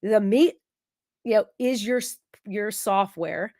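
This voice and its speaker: A productivity consultant with a cold runs a live question-and-answer stream, now and then sniffling. She's chatty, cuts herself off, and is quick to jump in with agreement. Her voice is mellow and mid-pitched, recorded close and dry with no echo.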